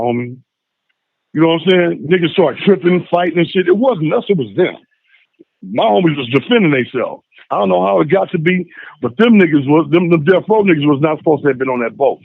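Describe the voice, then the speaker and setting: Man, high voice, gravelly, casual phone-in storytelling, animated, tinny dry phone line. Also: no echo. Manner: animated, acts out voices in his stories. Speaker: phone-in guest.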